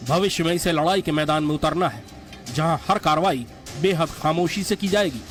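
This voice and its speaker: High-voiced male documentary narrator over music. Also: fairly quick, fairly bright tone. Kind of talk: scripted narration.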